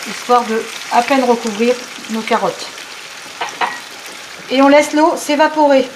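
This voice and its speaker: A woman hosting a home cooking show, chatting warmly and explaining each step of a recipe. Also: high voice, slight background noise. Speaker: cooking channel host. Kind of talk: cooking demonstration. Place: home kitchen.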